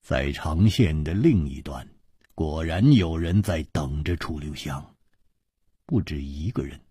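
A man narrating a martial-arts story with an animated, expressive delivery. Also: a bass voice, unhurried, breathy edge, no echo, studio quality.

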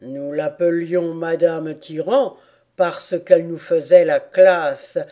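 A woman voicing a sad, sobbing female mock turtle with a calf's head in a storybook reading, slow, loud and lamenting. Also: lowish voice. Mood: indignant. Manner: slow, mournful and loud, turning indignant.

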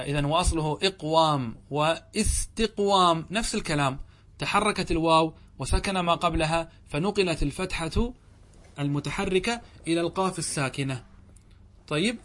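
A man, a sheikh teaching Arabic grammar, lectures to students and explains each point step by step. He asks questions and answers them himself, and he reads the text slowly, drawing out the words. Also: on the high side.

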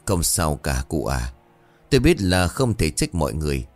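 A man voicing a desperate middle-aged village chief and worried father, in a deep, earnest, pleading tone. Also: sing-song, normal speed, dry recording, faint music behind. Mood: weary.

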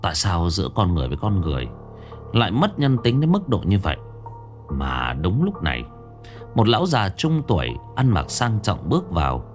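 A man narrating a story in a dramatic, expressive way. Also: low-pitched, moderate pace, soft background music.

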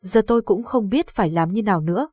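A woman reading the lines of a grieving old village father in a horror audiobook, with a husky voice. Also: medium pitch, animated, quick pace, warm tone, no room sound. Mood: anguished. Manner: pleading, distraught.

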